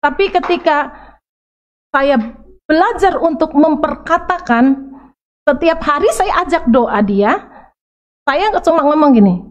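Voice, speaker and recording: A middle-aged woman preaching a sermon in a church, animated and acting out the voices she quotes. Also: sits high, unhurried, long pauses, highs cut off.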